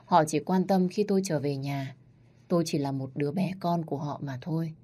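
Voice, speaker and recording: A woman narrating a first-person audiobook story in a calm, reflective way. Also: deep voice, fairly quick.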